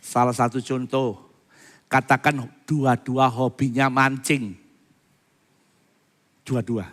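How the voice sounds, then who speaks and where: A pastor preaching a sermon, moving between soft asides and loud, fervent appeals and asking the congregation questions. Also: male voice, mid-range voice, fairly even intonation, slow. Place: church. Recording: reverberant church hall.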